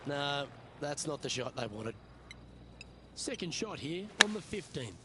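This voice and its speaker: A man's voice: a little high, very animated, measured pace. A man working as a golf commentator, calling play-by-play for a golf broadcast. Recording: crowd and outdoor noise behind voice. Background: loud crowd and outdoor ambience.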